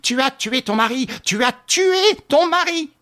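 A man's voice: animated, a little slow, exaggerated voice. A man voicing a furious woman who hurls a murder accusation at her friend in an audiobook. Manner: shrill, shouting accusations. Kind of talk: audiobook reading.

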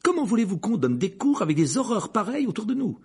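A man's voice: high voice, sing-song, fast, a little mellow, voice pushed up, exaggerated voice. A man voicing a stern older female teacher who speaks dryly and with exasperation. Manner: crisp, exasperated, dry.

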